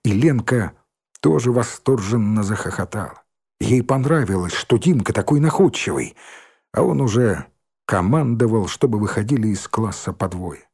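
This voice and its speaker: Expressive man with a husky, mellow voice. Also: fairly low pitch, normal speed. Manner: expressive reading, voicing every character. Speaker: audiobook narrator. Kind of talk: audiobook reading of a children's novel.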